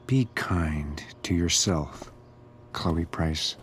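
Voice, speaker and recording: Slow-drawling, low-voiced creepy groundskeeper. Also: male voice, a little hiss or hum. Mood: cryptic, calm. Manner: slow, measured, cryptic drawl. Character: creepy, gentle, cryptic male school groundskeeper. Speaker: game character, school groundskeeper. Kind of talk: scripted video game acting.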